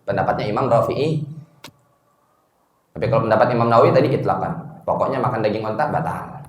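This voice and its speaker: A male Islamic teacher giving a study lecture to a congregation, telling stories in a lively, slangy way, chuckling and chanting Arabic quotations slowly. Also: fairly low pitch. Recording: echoey room.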